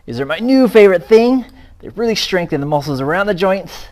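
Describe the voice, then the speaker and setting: A man's voice: sits high, a little fast. A young man coaching a workout while doing it himself, explaining each move with energy and getting winded as it goes on. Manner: energetic, explaining while exercising, gets louder during effort. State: out of breath. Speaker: fitness coach. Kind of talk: demonstrating a workout on camera.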